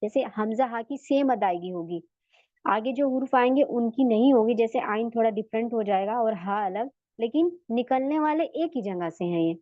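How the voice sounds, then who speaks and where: Female tutor, pitched a bit high, patient and repetitive, on a muffled dry video-call line. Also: no room sound. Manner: explains patiently, repeats sounds slowly for practice. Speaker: Quran recitation teacher. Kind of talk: online tajweed class.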